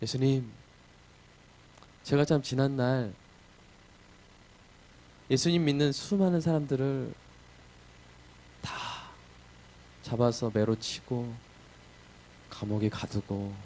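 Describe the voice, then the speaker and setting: A pastor voicing a hushed, humbled apostle in prayer. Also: male voice, medium pitch, fairly even intonation, slight background noise, voice pushed down. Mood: humbled, grateful. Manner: soft, slow, hushed prayer. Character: humbled male apostle praying in prison, grateful.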